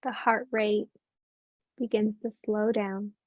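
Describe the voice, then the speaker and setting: A woman yoga teacher guiding a meditation in a slow, soft, soothing voice with long pauses. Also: mid-range voice, flat delivery, dry recording. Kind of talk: guided meditation. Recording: dull, slightly muffled studio-dry sound.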